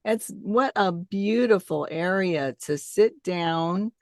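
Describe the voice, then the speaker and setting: Older woman host, lowish voice. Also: slow pace, a little mellow, dry recording, studio quality. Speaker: interview host. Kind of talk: casual interview chat.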